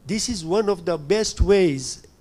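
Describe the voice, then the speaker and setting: An older man from Tanzania speaks up from the audience in a somewhat high voice for a man. He talks hesitantly and keeps pausing to gather his words. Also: animated, warm tone. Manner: hesitant, fills pauses with "you know". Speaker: audience member asking a question.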